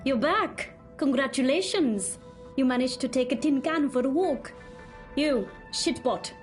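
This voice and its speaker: A woman's voice: high-pitched, lively intonation, unhurried. An actress playing a cynical, foul-mouthed female boss in a video game, blunt and sarcastic. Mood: scornful, exasperated. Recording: faint music behind the voice.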